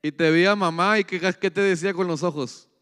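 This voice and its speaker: A man's voice: sits high, fairly even intonation, fairly quick, a bit bright, clear, resonant tone. Preaching man in an echoey hall. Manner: conversational, asks the congregation questions. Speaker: pastor. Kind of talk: sermon. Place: church hall.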